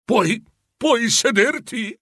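A man's voice: very high voice, very slow, pushed and bright, no room sound, pitched above the performer's own voice, heavily acted. A man doing a frightened old miser, Scrooge. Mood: nervous. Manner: nervous, hesitant, shaky. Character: frightened old miser, trying to act calm.

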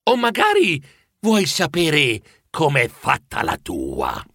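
A man's voice: sing-song, measured pace, gravelly, sharp tone, husky, no echo, studio quality, exaggerated voice. A man voicing the ghost of a dead old businessman, chained and remorseful, speaking in a mournful, pleading way for a storybook reading. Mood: grim, teasing. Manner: mournful, pleading, rising in pitch.

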